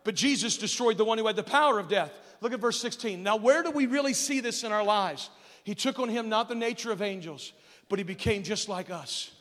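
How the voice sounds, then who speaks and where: A man preaching a sermon to kids at camp, asking the crowd questions and building to loud, emphatic peaks. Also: high-pitched, a little fast, long reverb tail. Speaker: pastor.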